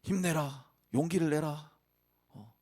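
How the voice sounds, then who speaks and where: A pastor voicing God, kind and encouraging. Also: male voice, a little high, slow, voice pushed up. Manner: warm, encouraging.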